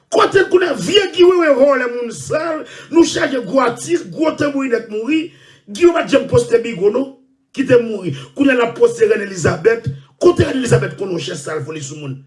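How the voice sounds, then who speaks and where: A Haitian man with a very high voice rants on his show, his pitch swooping up and down as he repeats himself and shouts. He sounds set back from the microphone. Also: far from the mic. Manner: loud, repetitive, often shouting and laughing. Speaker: show host. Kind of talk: ranting monologue.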